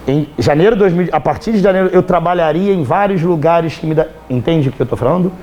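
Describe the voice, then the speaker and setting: A man with a Brazilian Portuguese accent teaching grammar in a live class, chatty and teasing, constantly checking whether students understood, his voice slightly hoarse. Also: on the high side, quick pace, dark tone, a little hiss or hum.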